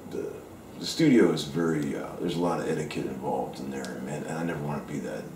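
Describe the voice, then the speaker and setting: Deep-voiced man guest, loose and frank, swears casually, recorded from across a roomy kitchen. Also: fast, a little mellow, slight background noise. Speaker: session guitarist guest. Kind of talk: casual interview talk. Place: kitchen at home, indoors. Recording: roomy kitchen sound from a distant mic.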